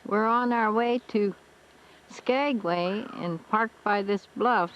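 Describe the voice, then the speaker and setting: Woman on muffled old camcorder audio. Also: medium pitch. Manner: slow, plain describing of the scenery. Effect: old camcorder audio, muffled with faint hiss. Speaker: traveler narrating her home video. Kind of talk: casual narration while filming. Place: outdoors by a lake and campground. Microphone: built-in camcorder mic. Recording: muffled lo-fi camcorder tape with faint hiss.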